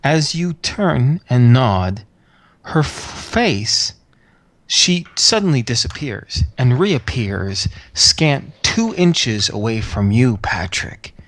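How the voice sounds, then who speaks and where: Game master, slow pace, deliberate descriptive phrasing, tabletop narration, dry recording. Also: medium pitch, sing-song, no room sound.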